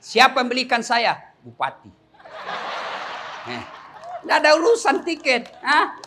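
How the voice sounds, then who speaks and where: A middle-aged man, preaching a comic sermon with lively storytelling, shouting punchlines and laughing with the crowd. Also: very high-pitched, unhurried, background noise. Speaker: Islamic preacher. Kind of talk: comic sermon to a large gathering.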